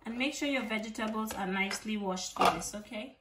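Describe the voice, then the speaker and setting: A woman's voice: mid-range voice, brisk, over loud music. A woman hosting a casual home cooking tutorial, talking through each step and often checking in with "okay?". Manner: chatty, ends phrases with "okay?". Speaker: cooking channel host. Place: home kitchen. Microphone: off-camera camera mic, overhead framing. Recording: echoey kitchen, voice from a distance.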